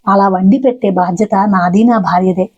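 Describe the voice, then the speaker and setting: A woman's voice: medium pitch, fairly even intonation, moderate pace, a little mellow, husky, lo-fi sound, lightly acted. A woman voicing a pleading pious devotee. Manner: pleading, reverent. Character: pious male devotee, eager host.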